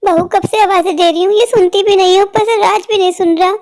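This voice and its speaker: In a cartoon, a woman voices a frail, neglected old mother who wearily pleads for care. The voice is pitched very high and sounds tired and complaining. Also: fairly even intonation, fast talker, a little mellow. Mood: weary pleading. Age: older. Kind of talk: animated cartoon voice acting.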